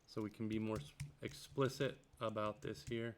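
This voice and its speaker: In a screen-recorded coding tutorial, a male programming tutor reads passages from a textbook aloud and then comments on them, thinking out loud with frequent ums and uhs. His voice is on the low side and flat, at normal speed, with slight background noise.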